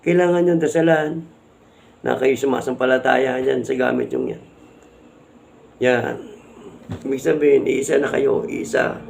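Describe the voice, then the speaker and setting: A man's voice: medium pitch, fairly even intonation, unhurried, gravelly, pauses often, darkish tone, slight background noise. A middle-aged man with a Filipino accent explains amulets to viewers in casual talk, repeating points and asking if they understand. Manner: repetitive, rhetorical, keeps asking viewers to agree. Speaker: amulet vlogger.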